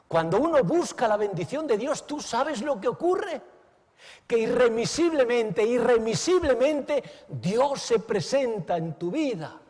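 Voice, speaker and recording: A man preaching a sermon as pastor. He is dramatic, swings between exclamations and hushed asides, and keeps asking the listeners questions. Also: very high-pitched, sing-song, measured pace, slightly rough, big-room sound. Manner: asks the listeners direct questions.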